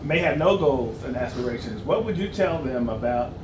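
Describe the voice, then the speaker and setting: A man moderating a panel and asking questions, slightly halting. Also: mid-range voice, animated. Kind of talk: panel discussion. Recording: roomy, distant, noisy.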